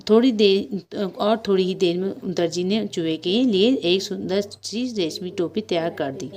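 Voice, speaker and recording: A young woman teacher reading a children's story aloud to a primary class, going slowly, repeating lines and asking the children questions. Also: medium pitch, a little mellow. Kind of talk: storybook lesson reading with explanations.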